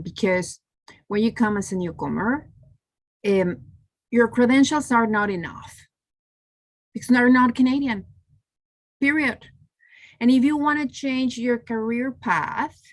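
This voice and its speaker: A woman from Mexico telling a personal story in a casual group discussion, lively when she quotes others. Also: mid-range voice. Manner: storytelling, animated when quoting. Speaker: meetup participant.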